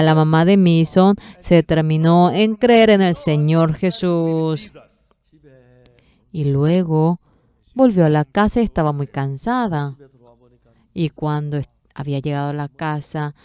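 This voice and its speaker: A woman interprets a sermon, telling a story in an earnest, unhurried way with emotional swells. Her voice is low-pitched and smooth. The sound is dry and close. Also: warm tone, no room sound.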